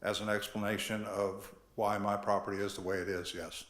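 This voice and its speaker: An older man addressing a city board about his property, earnest and measured, reading from his notes. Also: on the low side, level tone, fairly bright tone. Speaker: property owner at hearing. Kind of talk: public comment at board meeting. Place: council chambers. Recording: echoey chamber.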